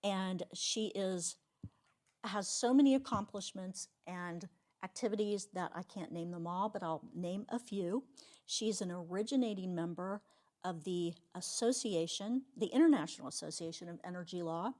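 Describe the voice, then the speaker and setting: A woman's voice: lowish voice, moderate pace, a little mellow. A woman hosting an event, giving a formal, admiring introduction of a guest speaker. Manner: admiring, reads out credentials. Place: lecture hall.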